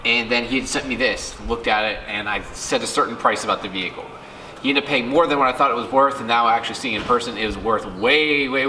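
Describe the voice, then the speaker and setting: A man's voice: on the low side, sharp tone, echoey room, a little hiss or hum, poor audio. A man with a stuffy, allergy-blocked voice, talking casually about cars as a guest on a vlog, rambling and correcting himself. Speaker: guest car enthusiast.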